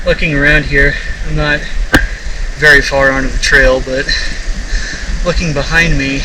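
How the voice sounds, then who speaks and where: Male hiking vlogger, slightly high voice, casual and halting, recorded off-mic outdoors with heavy background noise. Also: little pitch movement, distant mic. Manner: halting, pausing between short phrases. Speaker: vlogger narrating a hike. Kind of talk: casual outdoor vlog talk. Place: outdoors on a mountain trail. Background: loud outdoor ambient noise.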